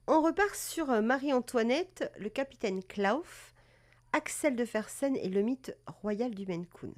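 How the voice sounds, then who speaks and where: A woman's voice: fairly high pitch, animated, measured pace, darkish tone. A woman hosting a casual live stream, chatty, with many fillers and self-corrections, greeting viewers as she talks. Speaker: live streamer presenting cat breed history.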